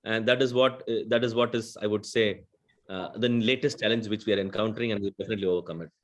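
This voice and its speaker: A man's voice: lowish voice, steady tone, fast. A man with a South Indian accent, explaining things earnestly in a webinar panel discussion and checking in with "right?" often. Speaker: conversational AI vendor executive.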